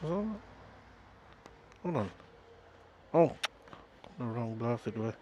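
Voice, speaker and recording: A British motovlogger rides through town, chatting casually and with slang to viewers and often musing aloud to himself. His medium-pitched voice is mellow, expressive and unhurried, picked up by a mic inside his helmet along with traffic and engine noise.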